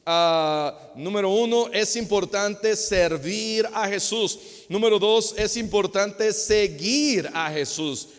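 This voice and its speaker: A man preaching a sermon as pastor, lively and acting out small dialogues. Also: high voice, slow pace. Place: church hall. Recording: long hall reverb.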